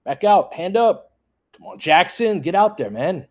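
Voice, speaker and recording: Speaking in a high-pitched, expressive voice at a measured pace, a man gives casual running commentary on a basketball game for his fan livestream. He chats with listeners, off the cuff, in short clipped bursts.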